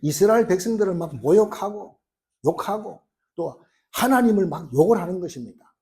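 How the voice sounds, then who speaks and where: A male pastor delivering a sermon in a fairly high, mellow voice. His pitch swings widely as he tells stories and acts out the lines of the people in them. He keeps the congregation engaged the whole time. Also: normal speed, slightly rough. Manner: animated storytelling, acting out quoted lines.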